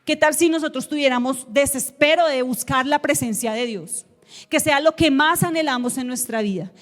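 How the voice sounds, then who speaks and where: A woman's voice: sits high, normal speed, big-room sound. A woman preaching a sermon to her congregation, emphatic and full of rhetorical questions. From Colombia. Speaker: guest preacher. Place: church sanctuary.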